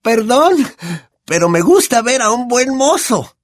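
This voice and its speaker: A shrill, boozy older aunt, sneering and cruel, her voice leaping high and low. She speaks with a Latin American Spanish accent in a dry, close recording. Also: big pitch swings, a little slow, dry recording, exaggerated voice.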